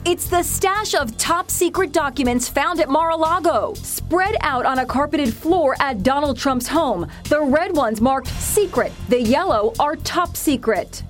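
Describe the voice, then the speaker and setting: A woman's voice: high voice, lively intonation, a little slow, few pauses. An American woman narrating a scripted tabloid TV report in a punchy, wry manner. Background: music.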